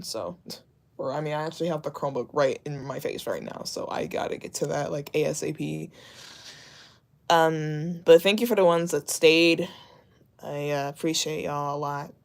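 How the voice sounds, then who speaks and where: Candid streamer at mid pitch, halting speech full of fillers, gravelly fry. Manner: halting, with many fillers and restarts; earnest, candid. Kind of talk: casual livestream talk.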